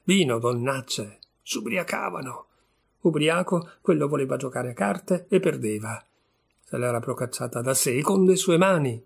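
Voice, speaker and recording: A man reads a classic short story aloud, measured and expressive. His voice is mid-pitched with a gravelly texture and a husky, slightly rough edge. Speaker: audiobook narrator. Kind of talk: literary audiobook narration.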